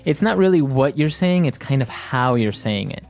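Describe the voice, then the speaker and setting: A man's voice: medium pitch, lively intonation, normal speed, vocal fry, darkish tone, soft background music. A man co-hosting an English-learning podcast in a casual, easygoing way, laughing often. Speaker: podcast co-host, English teacher. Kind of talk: casual teaching chat.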